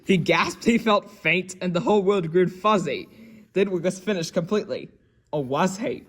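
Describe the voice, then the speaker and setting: A man's voice: high-pitched, normal speed, fairly bright tone. A man giving an amused, dramatic read-aloud of a rhyming children's story. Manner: amused, breaks often into chuckles. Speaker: storybook reader.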